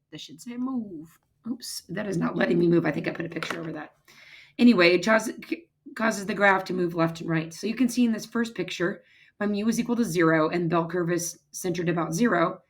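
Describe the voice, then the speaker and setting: A woman with a hoarse, raspy voice that is giving out, explaining step by step as a math teacher in an informal recorded lecture. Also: on the low side. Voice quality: husky, raspy, strained voice. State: hoarse, losing her voice, throat-clearing.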